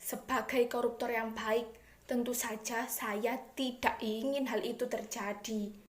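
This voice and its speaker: Smug corrupt official, played by a woman, satirical stage monologue. Higher register, hammy oratory, very roomy echo. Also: little pitch movement, a little slow, lightly acted. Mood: proud, oratorical. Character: smug, self-righteous corrupt official proudly confessing. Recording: echoey room.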